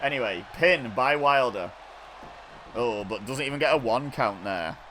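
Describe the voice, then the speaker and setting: A man commentating over game footage with quick, chatty play-by-play. He gets excitable at big moments and corrects himself as he goes. His pitch sits in an ordinary middle range. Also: a little hiss or hum. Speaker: gaming video host.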